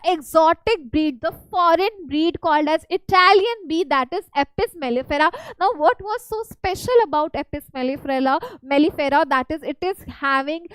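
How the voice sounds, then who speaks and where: A woman's voice: sits high, dry recording, rough recording. A woman with a North Indian accent teaching a live revision lesson as a school science teacher, repeating key phrases and often checking in with students.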